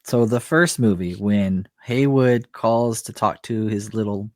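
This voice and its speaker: A man in casual podcast chat, making relaxed, rambling remarks with trailing thoughts. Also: lowish voice, a little slow, dry recording.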